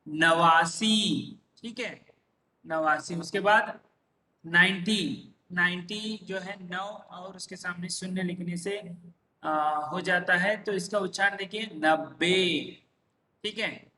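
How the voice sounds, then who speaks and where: A man's voice: high voice, fairly even intonation, pushed and bright, recorded from a distance. A man teaching a number lesson, drawing out each word and answering his own questions. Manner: drawn-out repeated pronunciations, asks and answers himself. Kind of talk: slow classroom-style number lesson. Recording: echoey room, voice a bit off-mic.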